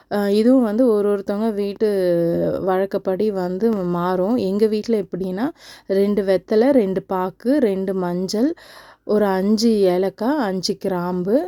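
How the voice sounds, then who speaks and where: Young Tamil-accented woman hosting a home tutorial vlog, calm and unhurried, warm low-key voice. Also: no echo, studio quality. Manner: calm explaining, chants mantras slowly. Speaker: vlogger. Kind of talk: step-by-step home ritual tutorial.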